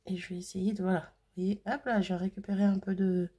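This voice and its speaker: A woman's voice: medium pitch, flat delivery, brisk, warm tone, breathy edge. A woman hosting a crafting video, chatting casually and thinking aloud with fillers and little laughs as she works. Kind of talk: casual crafting tutorial chat.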